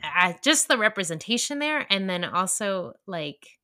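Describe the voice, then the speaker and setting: A young woman co-hosting a podcast in casual chat, earnest and halting, with many fillers and restarts. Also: medium pitch, very animated, sharp tone. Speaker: podcast co-host.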